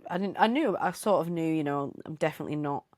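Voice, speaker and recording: Woman, low voice, dry close mic, co-host, hesitant casual chat. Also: quick pace, darkish tone, dry recording. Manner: hesitant, many fillers and restarts. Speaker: podcast co-host.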